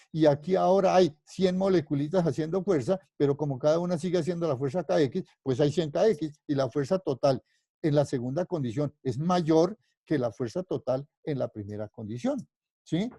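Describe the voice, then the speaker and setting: A male physics professor giving a university lecture, his voice pitched a little high yet warm and mellow. He walks through the reasoning patiently, keeps asking his students whether they follow, and rephrases himself as he goes. The sound is dry, with no room echo. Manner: explanatory, constantly checking understanding with questions; rephrases and restarts mid-sentence while thinking aloud.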